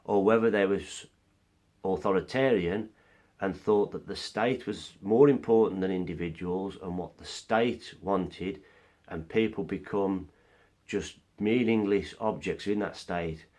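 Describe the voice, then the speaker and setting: A man's voice: sits low, unhurried, a little mellow. A man with a cold, giving an earnest, explanatory opinion monologue as a vlogger. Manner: earnest, explains through analogies. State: has a cold, coughing now and then.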